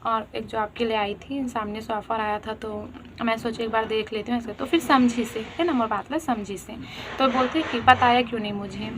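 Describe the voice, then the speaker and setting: A young woman with a Chhattisgarhi accent tells her own story to her viewers and keeps calling them friends as she goes. Her voice sits a little high. A faint hiss runs under the recording. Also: fairly even intonation, moderate pace. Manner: chatty, addresses viewers as friends. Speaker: vlogger. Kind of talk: casual storytelling.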